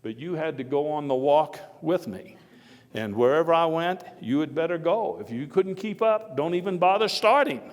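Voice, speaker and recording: Portraying a hearty, opinionated former American president, a living-history performer gives a talk and takes audience questions in a halting, storytelling manner marked by wry chuckles and emphatic bursts. His natural, expressive voice runs on the high side, and his mood is vigorous and emphatic. It's recorded in an echoey hall with long reverb.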